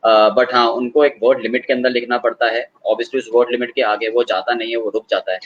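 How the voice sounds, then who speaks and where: A man explaining online assessment tools as a guest, in a measured and hesitant way, calling the host sir. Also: medium pitch, little pitch movement, dull audio. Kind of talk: conversational explanation.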